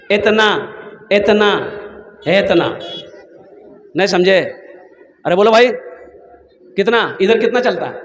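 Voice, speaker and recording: A man delivering a sermon in a very high voice, calling questions out to his listeners and mixing in Bengali phrases. His voice rings through a large hall with a long echo and faint background noise. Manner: calls out questions to the crowd, mixes in Bengali phrases. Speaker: Islamic preacher. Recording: echoey hall, faint ambience.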